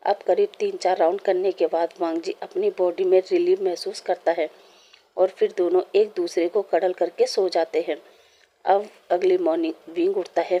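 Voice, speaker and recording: A woman reading fan fiction aloud in steady storytelling narration. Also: on the low side.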